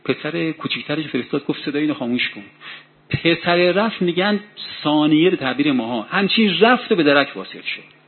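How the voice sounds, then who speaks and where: A man's voice: on the high side, lively intonation. A man preaching a sermon, telling a story dramatically, his voice rising in heated passages. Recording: tinny phone-like sound with faint hiss.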